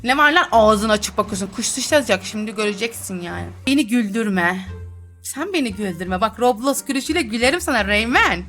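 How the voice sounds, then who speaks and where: Woman, young, high-pitched, teasing, chatty game commentary, faint music underneath. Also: lively intonation, brisk, fairly bright tone. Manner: chatty, teasing, often laughing. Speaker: gaming YouTuber. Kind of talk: Roblox role-play commentary.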